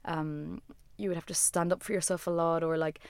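A woman with a smooth, clear, slightly low voice, recorded close and dry. She chats casually as an interview guest, rambling and scattering "like" fillers through her sentences. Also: level tone, moderate pace, darkish tone, dry recording. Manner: rambling, heavy use of "like" fillers. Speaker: guest, musician and former designer.

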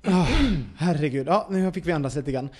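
A man's voice: a little high, loud music behind the voice. A man hosting a casual podcast conversation. He reacts with short interjections and asks follow-up questions. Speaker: podcast host. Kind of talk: casual chat.

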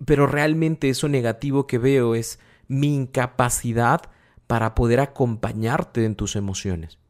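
A man with a Mexican Spanish accent giving an explanatory talk about emotions, expressive and acting out everyday dialogues. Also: medium pitch, unhurried. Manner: expressive, acts out everyday dialogues, laughs often. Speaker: emotional wellbeing speaker.

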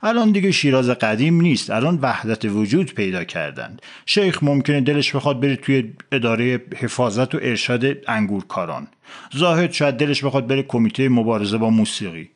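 A man's voice: medium pitch, animated, lightly acted. A man voicing a tipsy, self-righteous male aide who rambles about piety in a comic story. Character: tipsy, pious-posing male officer's aide.

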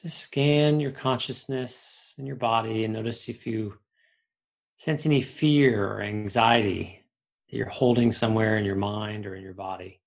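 A man guiding a relaxation meditation as an instructor, giving soothing, unhurried instructions with long pauses. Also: fairly low pitch, fairly even intonation, vocal fry.

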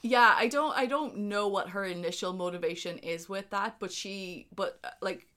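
A woman co-hosting a casual film discussion podcast, enthusiastic and quick to laugh. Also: medium pitch, fairly bright tone. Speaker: podcast co-host.

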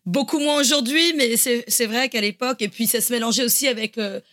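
A woman's voice: a little high, a little fast, a bit bright. A woman hosting a podcast interview, asking curious follow-up questions. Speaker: podcast host. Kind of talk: casual interview chat.

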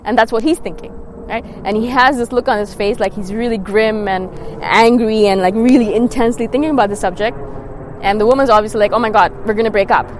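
A woman's voice: on the high side, fairly even intonation, brisk, slight background noise, rough recording. A young woman talking casually about everyday self-help, acting out quoted thoughts in little voices with many restarts. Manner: chatty, frequent restarts and fillers. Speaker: self-help video host.

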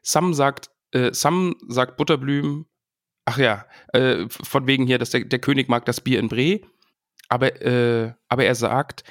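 A man's voice: medium pitch, measured pace, fairly bright tone, no echo, clean studio sound. A man co-hosting a casual podcast about a book, cheerfully reading passages aloud with feeling. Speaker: podcast co-host.

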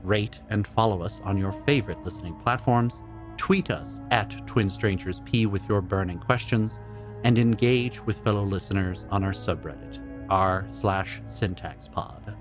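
A man's voice: on the low side, unhurried, music in the background. A man reading scripted end credits as a podcast announcer.

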